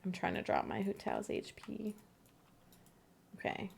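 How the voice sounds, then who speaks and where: A bubbly woman livestreaming a co-op game, chatting and giggling with her partner. Her middling voice carries a gravelly, creaky edge. Keyboard typing clicks behind her. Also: medium pitch, wildly swooping pitch, measured pace, darkish tone, a little hiss or hum. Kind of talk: casual gameplay chat.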